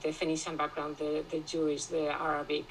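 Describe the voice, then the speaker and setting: A woman from Spain, a classicist, talking as a guest in a podcast interview, thoughtful and pausing often with restarts. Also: deep voice, completely flat delivery, a little hiss or hum, rough recording. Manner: thoughtful, many restarts and fillers, laughs often.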